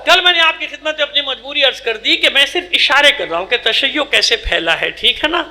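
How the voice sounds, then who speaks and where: A male cleric delivering a sermon at a mourning gathering, emphatic and scolding, firing rhetorical questions and swinging between loud outbursts and low asides. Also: animated. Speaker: Shia cleric giving a majlis. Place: imambargah during a mourning gathering.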